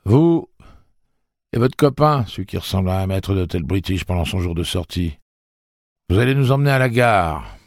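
A man's voice: deep voice, expressive, normal speed, dry recording, studio quality, pitched above the performer's own voice. A man reading an audiobook, voicing a foul-mouthed, menacing young man who sneers out his threats.

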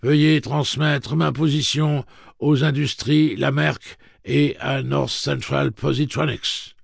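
A man voicing a male messenger robot that is powering down, reciting its shutdown message in a clipped monotone. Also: fairly high pitch, slow pace, gravelly, no room sound, studio quality, pitched above the performer's own voice, heavily acted. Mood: mechanical. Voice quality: monotone, clipped machine delivery. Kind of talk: audiobook character voice.

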